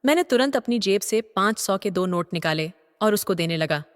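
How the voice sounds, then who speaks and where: Give me an older man narrating a story at an even, steady pace, with a long reverberant tail. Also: high-pitched, normal speed, clear, resonant tone.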